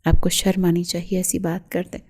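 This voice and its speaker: A terrified young woman begs and sobs, stumbling over her words, as a woman narrator voices her. The tone is warm and mellow, a storybook reading rather than full acting. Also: lowish voice, monotone. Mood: tearful pleading. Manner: tearful, pleading, stammering. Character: frightened young woman student, pleading and sobbing.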